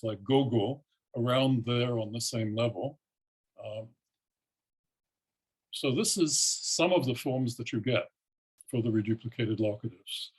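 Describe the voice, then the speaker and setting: An older man giving an academic keynote lecture, explaining in a measured way with frequent pauses and ums. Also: mid-range voice, darkish tone, husky, poor audio. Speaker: keynote speaker, linguistics professor.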